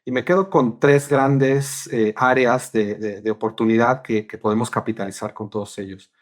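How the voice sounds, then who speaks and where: A man's voice: mid-range voice, fairly even intonation, moderate pace. A man who is a guest on a podcast, answering interview questions with frequent "eh" fillers and repeated words. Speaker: podcast guest, regional partner director.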